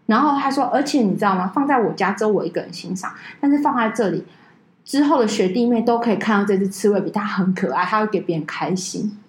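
A woman co-hosting a podcast, telling stories in a casual, animated way and mimicking people in a high voice. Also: fast talker, roomy sound, rough recording. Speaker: podcast co-host. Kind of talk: casual chat.

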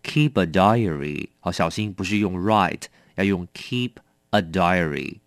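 A middle-aged man teaching English vocabulary. He reads each word slowly and carefully, then speeds up when he adds warnings and asides. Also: low-pitched, dry recording, studio quality. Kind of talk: explaining a word list.

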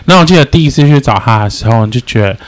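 Young man, podcast guest; quick, animated storyteller. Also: medium pitch. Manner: animated storytelling, laughs often. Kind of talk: casual chat.

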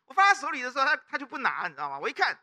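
Animated Taiwanese Mandarin preacher, bright voice. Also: male voice, very high-pitched, rapid-fire. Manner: animated preaching with call-and-response questions. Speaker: pastor. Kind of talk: sermon.

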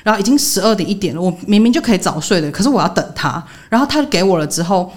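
A woman's voice: medium pitch, racing. A young woman, venting in casual podcast chat and acting out the people she quotes. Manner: animated storytelling, acting out quoted dialogue. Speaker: podcast co-host.

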